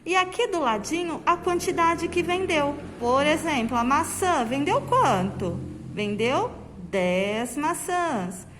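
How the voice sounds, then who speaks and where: A woman teacher explaining a lesson to young pupils, speaking through a face mask in slow, drawn-out phrases and checking in with the class often. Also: sits high, lively intonation, in a large hall, slight background noise, low-quality recording. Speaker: primary school teacher. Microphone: phone camera.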